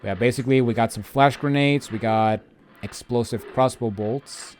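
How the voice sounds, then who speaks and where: A man's voice: medium pitch, normal speed, darkish tone, slight background noise. A man hosting a video game walkthrough with casual, rambling, often grumbling commentary.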